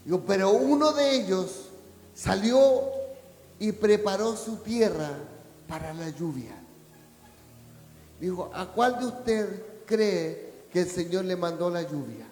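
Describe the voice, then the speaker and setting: A male pastor preaching a sermon in a high voice, peppering the congregation with rhetorical questions and building to shouts. The sound is roomy, with a long church-hall reverb trailing each phrase. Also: expressive, slow. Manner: preaching, rising to a shout at climaxes.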